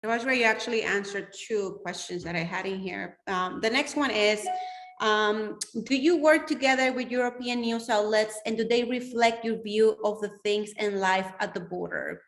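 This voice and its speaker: A woman's voice: mid-range voice, normal speed, fairly bright tone, roomy sound. A woman moderating a virtual panel and putting prepared questions to the speakers.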